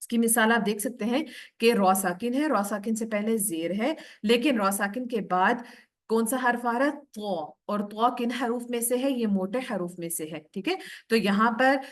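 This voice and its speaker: Patient woman teaching Quran recitation rules. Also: fairly high pitch. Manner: patient and explanatory, repeats "ठीक है" and poses questions then answers them; slows down sharply to recite Arabic words carefully. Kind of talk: recorded online tajweed lesson.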